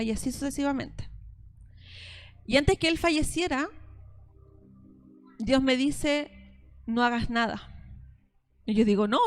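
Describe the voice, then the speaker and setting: A woman pastor preaches a sermon to her congregation. Her voice sits high, and she tells her stories by voicing both sides of each conversation.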